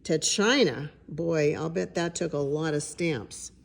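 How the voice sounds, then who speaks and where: Low, gravelly and a little mellow, the older woman's voice keeps a fairly even intonation as she reads from a children's picture book. She lingers on phrases for suspense and adds conversational asides, with noticeable noise in the background.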